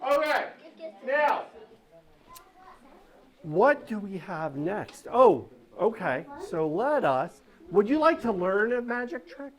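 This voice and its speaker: Her voice is medium in pitch and sing-song, and she goes slowly. She's a stage magician doing live patter for kids, guiding them step by step and drawing them in with frequent questions to check in.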